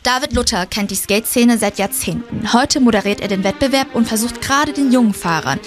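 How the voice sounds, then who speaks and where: A woman narrating a news report in a smooth, even, scripted voice-over. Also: on the high side, a little fast, music in the background.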